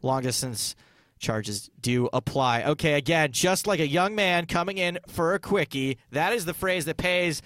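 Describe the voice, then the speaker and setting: A man's voice: a little high, a bit bright, no room sound. A man hosting a poker radio show, chatting casually and cracking jokes between announcements. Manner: joking, quick banter.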